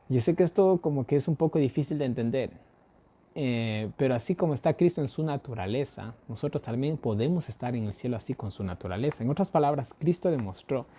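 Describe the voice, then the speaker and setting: A man's voice: mid-range voice, warm tone. A man with an Ecuadorian accent teaching a daily Bible study, posing rhetorical questions and answering them himself in a folksy way, with everyday examples.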